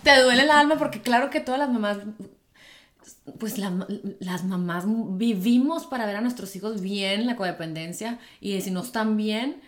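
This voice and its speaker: A woman hosts a podcast in relaxed conversation. She speaks in a mid-pitched voice, drops in soft uh-huhs, and laughs readily between her points. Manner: frequent soft backchannels, quick laughs. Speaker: podcast host. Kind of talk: casual podcast chat.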